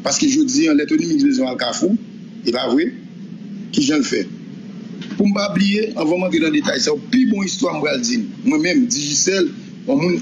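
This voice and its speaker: Male witness recounting a tense night, animated, slightly high voice, noisy muffled recording. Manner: animated storytelling, voicing others' words. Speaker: person recounting events. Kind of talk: spoken testimony.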